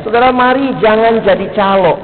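A man with a high voice delivers a sermon, climbing to emphatic peaks and dropping to quiet asides. He is heard in a large, echoing hall with a long reverb. The sound is thin and phone-like. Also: fairly quick, a little hiss or hum. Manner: rises to emphatic peaks and drops low, acts out street characters. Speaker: preacher. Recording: echoey hall, phone-like band.

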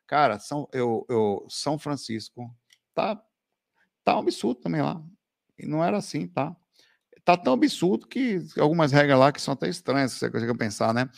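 A fairly high, gravelly male voice with no echo and studio quality belongs to a Brazilian live streamer. Chatting casually and answering viewer questions, he tells stories animatedly, laughs a lot, and leans on slang like "velho" and "cara."

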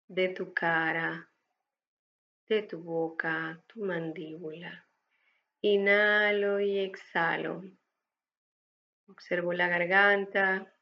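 Casting: woman meditation guide, soothing and hushed, lowish creaky voice, very slow delivery. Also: lo-fi sound. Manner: soft, hushed, unhurried instructions with pauses.

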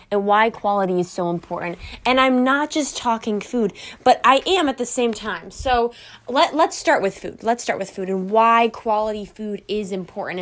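A young woman hosting her own podcast, chatting loosely, laughing at herself and swearing freely. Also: a little high. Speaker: podcast host. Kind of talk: casual solo podcast talk.

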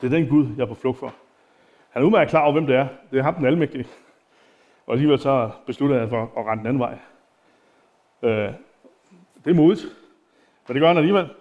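A man's voice: medium pitch, long pauses, phone-quality sound. Man preaching in a church, casual and chatty, self-deprecating, lots of fillers and restarts, informal sermon. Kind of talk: informal sermon with Bible reading.

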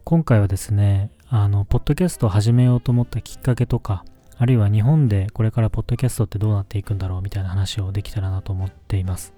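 A man's voice: lowish voice, rapid-fire, few pauses, dark tone, soft background music. A man hosting his own solo podcast, speaking politely and with many hesitant fillers. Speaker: podcast host.

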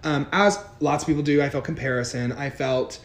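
A man's voice: mid-range voice, fairly even intonation, brisk, creaky. A young man co-hosting a podcast in casual chat, joking and teasing. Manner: joking, laughs and teases often. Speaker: podcast co-host. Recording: echoey room.

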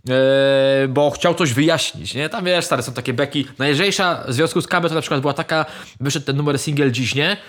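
A man's voice: medium pitch, a little fast, a bit bright. A man in casual chat, rambling with many fillers and restarts, swearing freely and giving blunt opinions.

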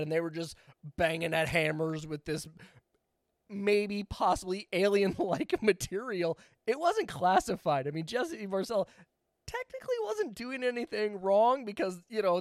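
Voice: mid-range voice, no room sound, clean studio sound. A podcast co-host telling a story in casual chat, rambling and swearing with laughing asides.

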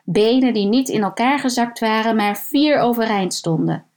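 A woman narrating a suspenseful story in a calm, measured way, slowing down at tense moments. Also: on the high side. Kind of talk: scripted narration of a thriller story.

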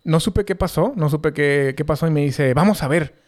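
A man's voice: a little high, moderate pace, darkish tone. A young man with a Mexican Spanish accent, telling a long story in casual, slangy chat full of fillers. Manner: slangy, rambling, many fillers.

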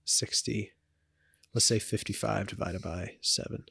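A man with a fairly low voice chats casually as a podcast co-host. He rambles, filling gaps with ums and restarting his sentences. The sound is dry and close, with no room echo. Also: steady tone, a little slow, gravelly, pushed and bright, husky. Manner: rambling, many fillers and restarts.

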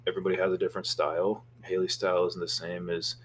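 A man's voice: low voice, little pitch movement, fast, a little hiss or hum. A young man, co-hosting a casual podcast chat about running a salon, earnest and a little anxious. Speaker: podcast co-host, salon co-owner.

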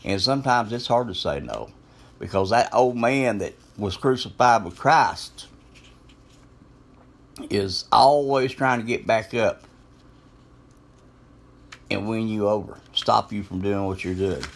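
A man's voice: fairly low pitch, takes it slowly, gravelly, pauses often. A man giving informal Bible teaching, quoting verses and retelling scripture loosely with restarts and asides. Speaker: lay preacher.

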